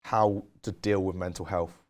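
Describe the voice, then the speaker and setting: Young guy, lowish voice, rambly podcast storytelling, lots of likes and ums. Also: fairly even intonation, normal speed. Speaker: podcast co-host. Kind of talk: casual storytelling chat.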